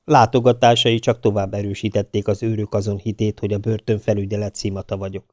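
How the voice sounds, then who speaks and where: Egy férfi, aki első személyben, élénk mesélő stílusban olvas fel egy hangoskönyvet. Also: male voice, lowish voice, level tone, a little mellow, dry recording, lo-fi sound. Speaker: audiobook narrator. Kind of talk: first-person audiobook narration.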